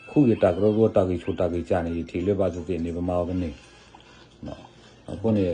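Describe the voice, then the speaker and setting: A man talking casually in a relaxed, chatty commentary, often adding little tag words. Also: lowish voice.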